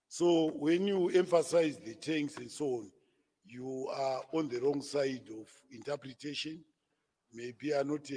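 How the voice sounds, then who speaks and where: Slow husky man, reverberant hall. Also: mid-range voice, a little mellow. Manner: deliberate, stammering restarts, lecturing. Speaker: party spokesman. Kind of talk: press conference answers. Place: conference room.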